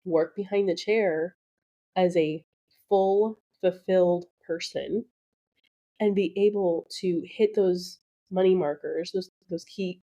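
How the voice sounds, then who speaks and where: Slow and steady, a woman with a lowish, warm voice hosts a solo podcast as a beauty business coach on a muffled recording. She encourages listeners in a chatty way with many ums, her voice a little nasal and congested from allergies.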